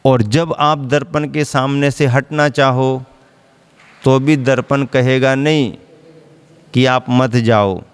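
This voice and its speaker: A man giving a sermon as a monk preacher, speaking slowly and deliberately, repeating key phrases and posing questions he then answers himself. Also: medium pitch, level tone, clean tone, in a large hall.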